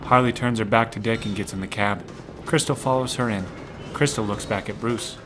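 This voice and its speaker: A man with a fairly low voice reads scripted drama narration, laying out the action in the present tense over faint music. He speaks a little fast with fairly even intonation.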